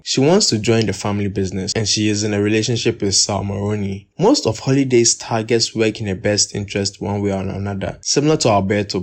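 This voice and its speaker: A man with a fairly low voice walks through the plot of an animated film in an even, measured voice-over. He stops now and then to add his own theories and opinions in a casual tone. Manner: steady, measured plot retelling with personal asides. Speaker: film reviewer. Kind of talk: movie recap and commentary voice-over.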